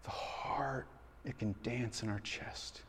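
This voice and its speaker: A man preaching a sermon as pastor, telling a story with lively acted-out quotes and frequent repeated words. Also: medium pitch, slow pace, husky, in a whisper. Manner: animated storytelling, acting out quoted voices. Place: large room in a school. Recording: long hall reverb.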